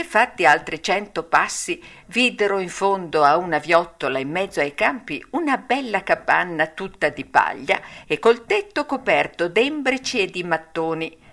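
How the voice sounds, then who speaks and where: A woman narrating a storybook audiobook in a measured, expressive reading. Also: medium pitch.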